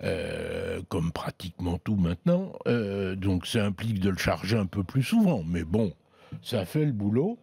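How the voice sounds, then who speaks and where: A man's voice: sits low, lively intonation, a little slow, vocal fry, warm tone, husky, no echo. A man chatting casually as a tech columnist, explaining products in an easygoing way with frequent hesitations. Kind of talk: casual product review chat.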